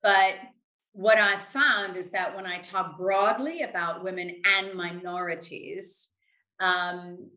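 A middle-aged American woman, a finance expert, answers as an interview guest on a video call from a room in her home, sounding emphatic, self-assured and conversational. Her voice is on the low side, steady and sharp, at a slow pace. The computer mic sits at desk distance, and the call sounds roomy and echoing.

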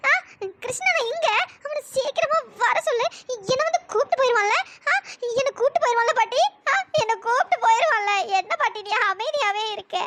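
A voice actor voicing a lovesick young woman in a cartoon story, pleading and asking over and over, through a pitch-raised voice effect. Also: brisk, pushed and bright, a little hiss or hum. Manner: pleading, repeatedly asking questions. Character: lovesick young woman pining for her sweetheart.

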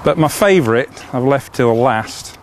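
A middle-aged fishing tackle presenter chats enthusiastically while demonstrating fishing rods, often using "uh" fillers. His medium-pitched voice has lively intonation and a measured pace, with slight background noise.

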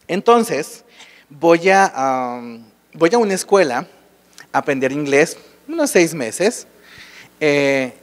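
A man with a Mexican accent speaks to a live audience at a state congress, his voice sitting fairly high for a man. He keeps quizzing the room with rhetorical questions as he explains his points. The sound trails off in the long reverb of a large hall. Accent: Mexican Spanish. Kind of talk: conference talk to a live audience.

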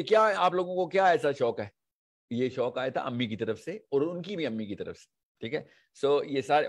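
A man giving a religious lecture to an audience, telling stories vividly and asking rhetorical questions. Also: mid-range voice. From Pakistan. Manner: rhetorical questions and animated storytelling. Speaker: religious speaker.

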